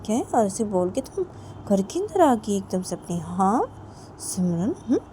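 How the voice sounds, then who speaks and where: A woman voicing a playful, clingy young woman who teases and keeps prodding with soft questions. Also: mid-range voice, very animated, moderate pace, slight background noise, voice pushed up, close to an everyday voice. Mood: teasing. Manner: teasing, keeps asking "hmm?".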